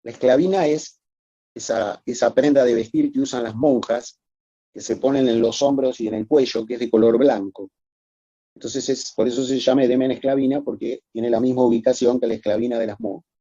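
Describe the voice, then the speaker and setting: A man's voice: mid-range voice, fairly even intonation, a little fast, warm tone, breathy edge, no room sound, highs cut off. A man giving a recorded medical lecture, explaining methodically and addressing students formally.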